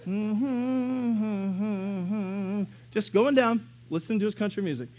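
A middle-aged male pastor preaching a sermon, telling stories in an animated way and bursting into shouts. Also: high voice, a little slow.

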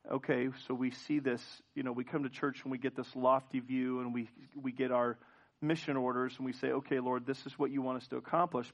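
A male pastor preaching a sermon in a church, asking the congregation questions and often restarting his sentences. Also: mid-range voice. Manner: frequent restarts and repeated words. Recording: dull lo-fi church recording.

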